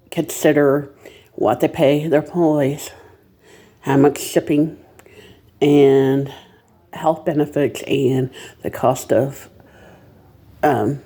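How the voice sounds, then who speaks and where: Casting: amateur vlogger, mid-pitched voice, unhurried delivery, casual but nervous, halting and rambling. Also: dark tone. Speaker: reseller making a first video. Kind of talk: casual vlog monologue.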